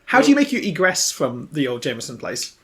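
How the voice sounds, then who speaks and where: A man's voice: a little high, huge pitch swings, brisk, background noise. A man, narrating as game master of a tabletop role-playing game in a wry, descriptive way.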